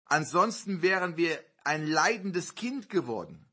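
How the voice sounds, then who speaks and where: A man preaching a sermon, telling a personal story earnestly with sudden loud surges. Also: fairly high pitch, very animated, measured pace, breathy edge.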